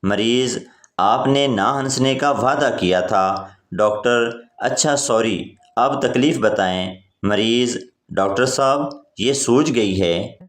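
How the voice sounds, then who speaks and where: Male joke narrator, slow plain delivery, roomy recording. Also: mid-range voice. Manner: plain storytelling delivery, voicing each character in the same voice. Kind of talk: reading jokes aloud. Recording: roomy echo.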